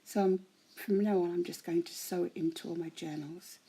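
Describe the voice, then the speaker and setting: A middle-aged woman chatting casually about her craft journal, with a tired, croaky voice that often drops to a whisper. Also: fairly low pitch, steady tone, moderate pace, dark tone. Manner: chatty, rambling, many ums, drifting into whispers. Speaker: crafting vlogger. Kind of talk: casual show-and-tell vlog.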